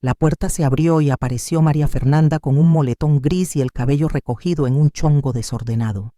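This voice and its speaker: A woman's voice: low-pitched, fairly quick, warm tone, no room sound, studio quality. An older woman, telling a sorrowful first-person story as scripted narration.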